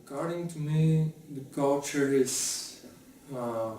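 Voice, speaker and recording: A young man and law student answering interview questions in a halting way, repeating himself. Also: fairly high pitch, mellow, a little hiss or hum. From Bulgaria. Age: young adult. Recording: echoey, distant from the mic.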